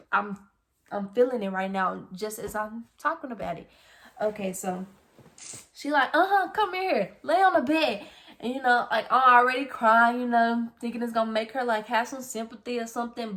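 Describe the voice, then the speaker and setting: Young woman telling a lively storytime. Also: mid-range voice. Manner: animated, swings from loud outbursts to hushed asides. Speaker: vlogger. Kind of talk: casual storytime monologue.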